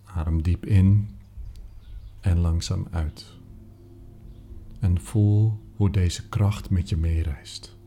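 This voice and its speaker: A man guiding a meditation, speaking softly and soothingly, sometimes dropping into a whisper. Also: low-pitched, fairly even intonation, a little hiss or hum. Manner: slow, soft-spoken, soothing, with whispered phrases. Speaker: meditation guide. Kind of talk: guided meditation. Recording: soft music behind.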